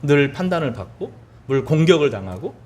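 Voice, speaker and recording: Animated high-pitched male pastor preaching. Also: brisk. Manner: asks the congregation questions and answers them himself; repeats words for emphasis. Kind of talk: sermon.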